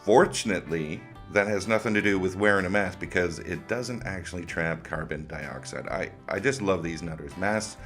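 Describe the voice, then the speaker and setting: A man's voice: sits low, normal speed, few pauses, a bit bright, faint music behind. A man hosting comic reaction commentary in a sarcastic, mocking way. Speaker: host of a commentary video.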